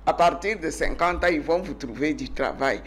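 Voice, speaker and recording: An older woman recounts her life as a guest on a TV interview. Her delivery is emphatic and animated in places and sinks to quiet, almost murmured phrases in others. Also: deep voice, moderate pace. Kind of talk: TV interview storytelling.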